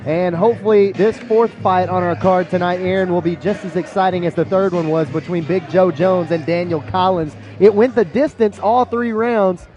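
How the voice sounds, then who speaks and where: A man with a fairly high voice gives live play-by-play fight commentary. The sound is slightly muffled, with music behind him. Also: moderate pace, hardly any pauses, darkish tone. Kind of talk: live MMA sports commentary.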